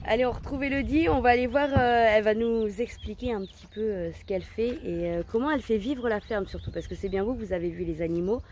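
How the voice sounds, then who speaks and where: A woman's voice: fairly high pitch, fast, few pauses, darkish tone, a little hiss or hum. A woman hosting a travel vlog, narrating casually on a farm with a chatty, filler-heavy manner. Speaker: vlog host.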